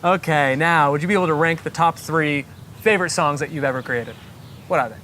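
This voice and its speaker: An interviewer runs through quick questions with short, upbeat reactions between them. The voice sits at a middle pitch, with a faint hiss of noise in the background. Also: fairly bright tone. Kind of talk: rapid-fire interview questions.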